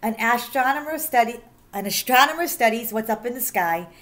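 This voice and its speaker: A female teacher moves briskly through a rhyming children's picture book, her fairly high voice animated and sing-song as she stresses key words.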